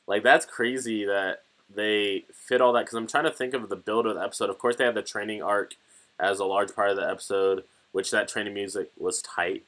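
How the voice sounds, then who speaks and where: A man's voice: on the low side, brisk. A young man co-hosting an anime reaction chat, talking casually and acting out characters in raised voices. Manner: animated, acts out quoted characters in raised voices. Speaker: co-host of anime reaction channel.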